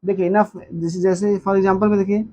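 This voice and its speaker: A woman teaching a phonics lesson, repeating example words slowly with stretched emphasis. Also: medium pitch, little pitch movement, warm tone.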